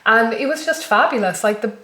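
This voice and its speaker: A young woman with a hoarse, partly lost voice, chatting reflectively and hesitantly in a rambling personal vlog recorded indoors. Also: fairly high pitch, lively intonation, a little fast, sharp tone, roomy sound. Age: young adult. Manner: reflective, hesitant, self-correcting. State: hoarse from losing her voice. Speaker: student vlogger. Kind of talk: casual rambling vlog chat. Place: indoors in a flat.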